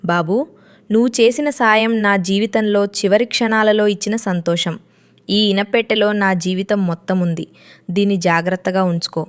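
A woman voicing a frail, gentle old grandfather who speaks softly and pleadingly. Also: medium pitch, fairly even intonation, moderate pace, clear, resonant tone, lightly acted. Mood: tender. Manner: soft, pleading.

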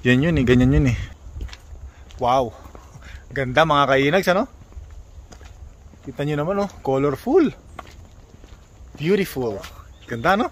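A man's voice: a little high, expressive, unhurried, pauses often, a little hiss or hum. A man talking casually to his viewers while walking outdoors by a lake, exclaiming often at the sights. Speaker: vlogger.

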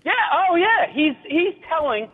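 A man's voice: very high voice, sing-song, unhurried. Angry man calling in over a tinny phone line. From New Jersey. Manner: angry, urgent, indignant complaint. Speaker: radio show caller.

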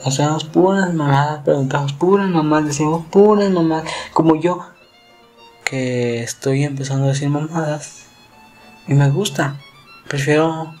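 Slow-talking Mexican teen boy ranting. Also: medium pitch, darkish tone. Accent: Mexican Spanish. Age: teens. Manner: rambling, profane, joking. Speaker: YouTuber. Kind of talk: casual rant over gameplay.

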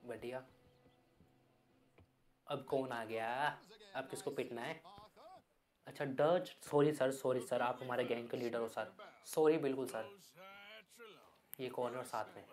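A man giving loud, excited Hindi gameplay commentary as a gaming YouTuber. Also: medium pitch, a little slow, long pauses. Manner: loud, hyped, yelling at the game.

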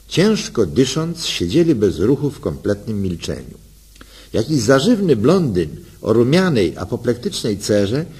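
Husky man telling a comic tale. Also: mid-range voice. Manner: ironic, playful storytelling. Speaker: narrator. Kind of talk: humorous story reading.

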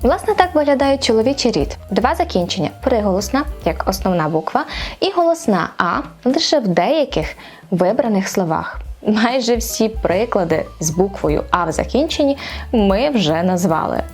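A woman's voice: mid-range voice, big pitch swings, normal speed, faint music behind. A woman language teacher giving an online video lesson in a playful, upbeat way, teasing her viewers with rhetorical questions.

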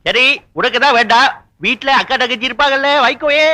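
A teasing forest officer. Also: male voice, very high-pitched, quick pace, pushed and bright. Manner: teasing, playful banter. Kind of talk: 1980s film dialogue.

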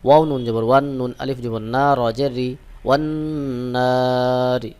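A man teaching Quran reading, spelling Arabic prayer words letter by letter and then slowly chanting each joined word. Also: mid-range voice, level tone, darkish tone, smooth. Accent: Bangladeshi Bengali.

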